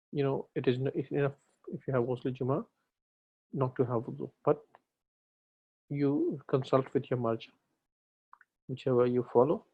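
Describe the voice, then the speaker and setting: A man teaching a religious class online, patiently answering students and correcting their pronunciation. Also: mid-range voice. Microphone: video call. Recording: lo-fi online call audio.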